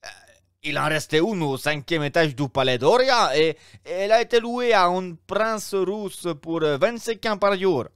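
Guy putting on a high eager innkeeper, fawning, lively swoops, smooth tone. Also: a little slow, dry recording, clean studio sound. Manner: exclamatory, fawning, pitched high. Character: excitable Italian innkeeper, eager, flattering.

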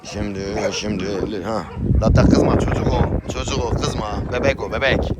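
A man talking casually to camera and coaxing his dogs in a yard with short repeated commands, now and then calling out high and loud. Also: unhurried. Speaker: dog owner vlogger. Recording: loud background noise outdoors.

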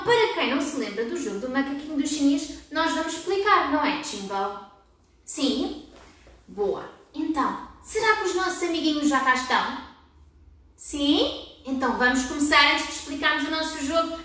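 A woman's voice: sits high, a bit bright. A young woman with a European Portuguese accent, speaking in a kindergarten teacher voice, prompting small children with questions as she leads a play class. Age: young adult. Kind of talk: demonstrating a children's game to camera. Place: padded indoor children's playroom. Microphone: camera several metres away. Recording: very echoey room, distant microphone.

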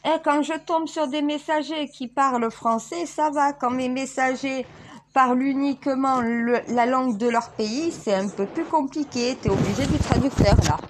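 A woman's voice: sits high, normal speed, noisy background. A French woman talking casually to viewers in a rambling way, with frequent laughs and restarts. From France. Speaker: self-styled spiritual vlogger.

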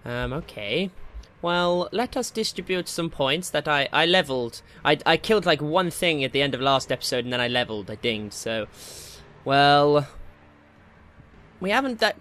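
Over video game music, a man hosts a Let's Play, muttering casual, joking, slangy remarks to himself. His voice is on the high side with a fairly bright tone, and there's a little hiss or hum in the audio.

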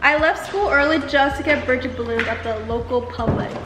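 Young female streamer, high voice, casual talk while eating, echoey room with music behind. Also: brisk. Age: young adult. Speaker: streamer hosting a mukbang Q&A. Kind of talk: casual chat over food. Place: indoor dining table in a large room. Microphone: camera across the table.

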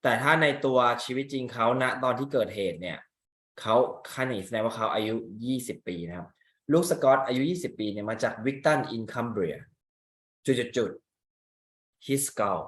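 A man's voice: medium pitch, animated, normal speed, fairly bright tone. A man teaching English in Thai, talking through an exam reading and putting questions to his students, with a Thai accent on English words. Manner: chatty, asks students rhetorical questions. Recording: echoey room.

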